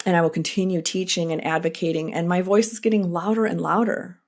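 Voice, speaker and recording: Earnest, low-voiced woman podcast host. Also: brisk. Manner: earnest, animated, many restarts and asides. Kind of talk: personal reflective monologue.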